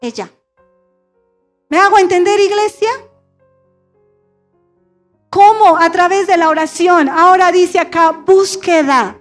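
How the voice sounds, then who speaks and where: A woman's voice: extremely high pitch, takes it slowly, long pauses, faint music behind. A middle-aged woman pastor preaching a sermon and calling on her congregation to repeat phrases after her. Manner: call-and-response preaching, asking the congregation to repeat. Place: church sanctuary.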